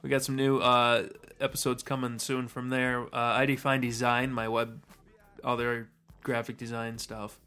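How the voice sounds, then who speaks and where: A man's voice: medium pitch, flat delivery, moderate pace, sharp tone, clean tone, faint music behind. A man hosting a casual podcast interview, chatty and joking with his guests. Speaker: podcast host.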